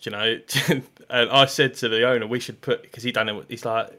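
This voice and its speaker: A man's voice: medium pitch, fairly quick. A man with an English accent telling stories in casual chat, acting out the people he quotes. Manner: animated storyteller, acts out quotes.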